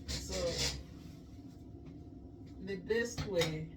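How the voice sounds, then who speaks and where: Slow halting man. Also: sits high, heavy background noise. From Malawi. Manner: halting, many pauses and "you know" fillers, clears throat often. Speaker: vlogger. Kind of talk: reflective casual vlog monologue.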